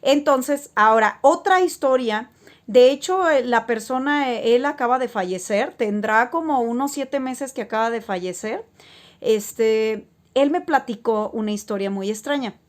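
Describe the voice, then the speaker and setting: Rambling woman, higher voice. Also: unhurried. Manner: rambling, frequent filler words and restarts. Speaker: spiritual vlogger. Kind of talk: casual storytelling to camera.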